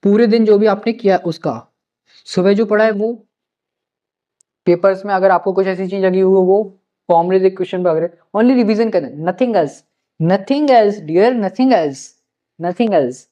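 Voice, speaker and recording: A male teacher with a high-sitting, mellow voice speaks at a measured pace, offering students study-planning advice. He coaxes them and repeats his key points, captured in a slightly muffled lo-fi recording.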